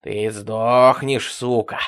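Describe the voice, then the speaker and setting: A man's voice: mid-range voice, fairly even intonation, slow pace, a bit bright. A man voicing wheezing, growling menacing voices of a hallucination in a storybook reading.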